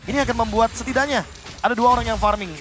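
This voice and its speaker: Male esports analyst, high-pitched voice, explanatory game commentary with music behind. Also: fairly even intonation, fast talker.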